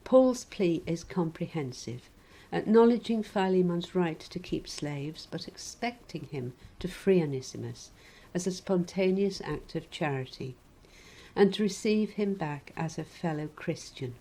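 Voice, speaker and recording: Mellow, husky woman preaching a sermon. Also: on the low side, expressive, low-quality recording. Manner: measured, gently wry reflective preaching.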